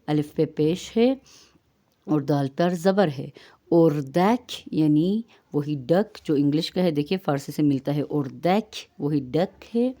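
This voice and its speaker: A woman teaching vocabulary, stretching out words slowly to model their pronunciation. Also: sits low, warm tone. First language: Urdu. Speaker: language teacher. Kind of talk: vocabulary lesson.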